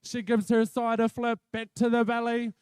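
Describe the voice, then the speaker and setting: High-pitched male commentator with Maori New Zealand accent. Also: monotone, moderate pace, darkish tone, smooth, no echo, clean studio sound. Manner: colloquial, repeats catchphrases. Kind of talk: live wool-handling competition commentary.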